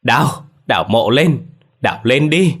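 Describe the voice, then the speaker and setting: A man's voice: lively intonation, normal speed, husky. A man putting on a wailing grieving old mother. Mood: frantic. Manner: wailing, shrill cries.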